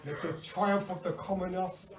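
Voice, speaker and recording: An actor playing a cheerful, boastful Soviet soldier who also narrates, in a low-budget war film. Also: male voice, fairly even intonation, moderate pace, a crowd in the background, lightly acted. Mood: jolly. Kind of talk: amateur film acting.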